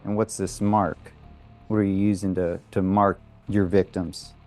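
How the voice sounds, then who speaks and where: A man's voice: deep voice, little pitch movement, unhurried, a little mellow, soft background music. A man playing a sceptical, defiant investigator in a tabletop game, plain-spoken and dry.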